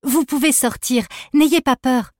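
A woman's voice: high-pitched, measured pace, darkish tone, no echo, studio quality, pitched above the performer's own voice. A woman voicing a bold, commanding young woman. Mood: urging.

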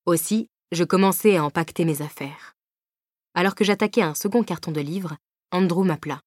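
A woman reading a novel aloud in the first person, measured and even, at a close microphone. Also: on the low side, no room sound. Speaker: audiobook narrator. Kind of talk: scripted audiobook narration. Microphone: close studio microphone.

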